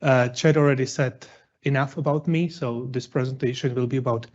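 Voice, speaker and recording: A man in his thirties from the Czech Republic with a Czech accent, presenting as a guest chef in halting non-native English with frequent fillers. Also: medium pitch, steady tone, darkish tone, lo-fi sound. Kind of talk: presentation talk.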